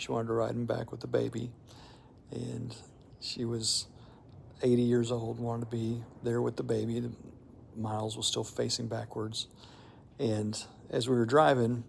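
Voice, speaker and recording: A middle-aged man telling a personal story with a devotional message, speaking in a measured way with deliberate pauses. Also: mid-range voice, gravelly, darkish tone, a little hiss or hum.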